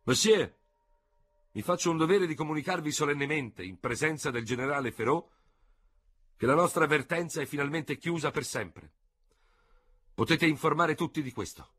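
A man's voice: lowish voice, sing-song, no room sound, voice pushed up. A man voicing a dignified general in a radio audiobook, speaking coldly with grave mockery. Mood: solemn. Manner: cold, measured, gravely mocking. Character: cool, ironic male general, dignified.

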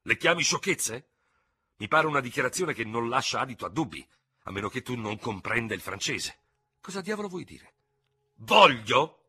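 A man voicing a small, hot-tempered Gascon hussar lieutenant who shouts and hisses in fury. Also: medium pitch, sing-song, fairly quick, breathy edge, voice pushed up, exaggerated voice. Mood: angry. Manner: shouting, hissing, ranting. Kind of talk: audiobook character reading.

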